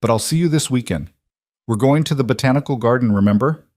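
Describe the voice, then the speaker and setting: A man voicing a gentle adult woman who hides her wealth, speaking softly and earnestly in a storybook reading. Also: mid-range voice, fast talker, no echo, clean studio sound, voice pushed up, natural voice. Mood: tender.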